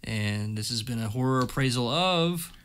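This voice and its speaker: Bright, giggly young male horror reviewer. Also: medium pitch, expressive, normal speed, clear, resonant tone. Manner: giggly, enthusiastic, laughs often. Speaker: co-host, horror film reviewer. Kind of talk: casual review chat.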